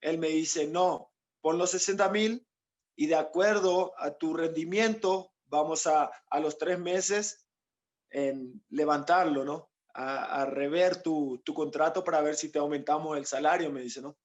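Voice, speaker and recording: A man's voice: fairly high pitch, fairly even intonation, measured pace. A footballer from Paraguay, recounting his story in an interview and speaking in long, rambling stretches with many tag questions. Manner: rambling, quotes others, frequent "¿no?" tags. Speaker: footballer guest.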